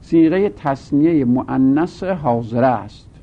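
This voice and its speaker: Mellow yet lively in intonation, a man teaches a step-by-step grammar lesson, stretching out words and answering his own questions. The sound is tinny and phone-like, his voice gravelly, with a faint rumble underneath.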